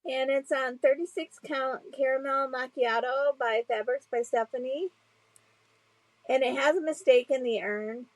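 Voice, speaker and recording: Higher-pitched woman, chatty and hesitant. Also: steady tone, measured pace, no echo, low-quality recording. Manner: chatty, hesitant with many ums. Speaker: co-host. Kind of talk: casual chat.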